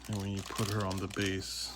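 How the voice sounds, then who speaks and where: A soft-spoken man chatting casually as he hosts an unboxing video, his voice often slipping toward a whisper. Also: low-pitched, completely flat delivery, normal speed, noisy background.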